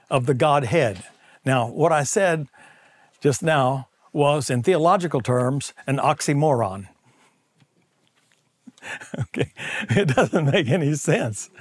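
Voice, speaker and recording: A middle-aged man preaching a conversational sermon, acting out quoted voices and dropping to soft near-whispers. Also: on the high side, expressive, slow pace, long pauses, no echo. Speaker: pastor.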